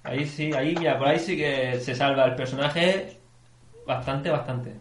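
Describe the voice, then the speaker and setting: Man, casual podcast co-host, excitable, curses freely, roomy echoey sound. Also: medium pitch, normal speed, a little hiss or hum. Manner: excitable, swears, weighs ideas aloud. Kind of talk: casual chat.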